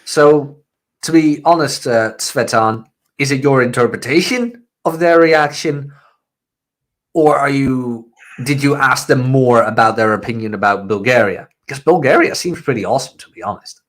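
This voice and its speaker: A Dutch man whose English sounds British, co-hosting a casual podcast in a relaxed, joking way. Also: normal speed. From Netherlands. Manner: laid-back, joking, lively pitch. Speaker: co-host.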